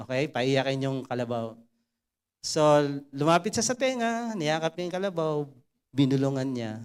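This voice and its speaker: A pastor with a noticeably high-pitched voice preaches a sermon to his congregation. He tells a comic story and acts out each character's lines as he goes.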